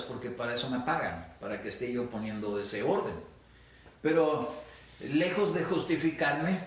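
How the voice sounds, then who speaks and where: A man's voice: a little high, fairly bright tone. A male pastor preaching a sermon, telling a personal story with hesitant restarts and acted quotes. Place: church hall. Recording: echoey hall, distant mic.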